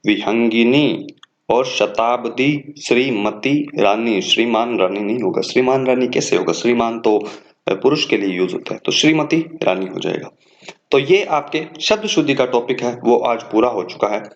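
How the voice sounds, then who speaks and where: A man's voice: mid-range voice, expressive, normal speed. Man teaching on a dull recording. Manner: lists words one by one, corrects wrong forms. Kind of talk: exam coaching lecture.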